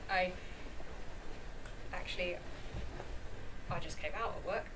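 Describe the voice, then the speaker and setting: A woman's voice: on the low side, slow. A woman in a rehearsed play reading, acting an encouraging young shop worker, casual and understated. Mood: encouraging, offhand. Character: supportive, casual young supermarket deli worker, gently encouraging. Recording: distant mic, clear background noise.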